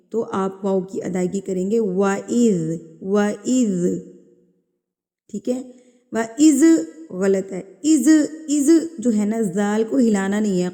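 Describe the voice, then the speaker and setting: A woman teaching a tajweed lesson, slowly reciting verses and patiently repeating sounds to correct common mistakes. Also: mid-range voice, warm tone, in a large hall.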